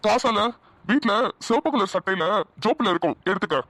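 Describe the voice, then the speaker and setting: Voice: mid-range voice, lively intonation, a little fast, fairly bright tone, dry recording. A performer voicing a blunt, scolding older village father in a cartoon. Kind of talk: Tamil cartoon dubbing.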